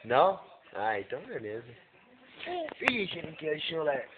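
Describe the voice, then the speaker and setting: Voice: medium pitch, big pitch swings, normal speed, very noisy. An older sibling in a casual home video, coaxing and teasing a little sister with playful questions. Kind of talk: casual home video, talking to a small child. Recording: tinny phone-like home video with background chatter.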